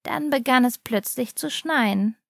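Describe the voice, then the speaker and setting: A woman reading a children's advent story aloud in a calm, steady storybook manner. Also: high-pitched, unhurried, creaky, no echo, studio quality.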